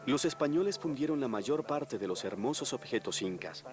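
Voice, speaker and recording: A man's voice: medium pitch, animated, moderate pace, over music. A man giving scripted commentary as a historian in a documentary. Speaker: historian, interview guest.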